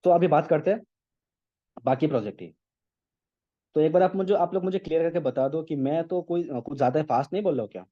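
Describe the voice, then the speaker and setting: This fast-talking man, whose voice leans high, pauses often while explaining a casual screen-share tutorial step by step to an online meeting. He repeatedly asks "okay?" and "right?" to check in, and the call audio has its highs cut off.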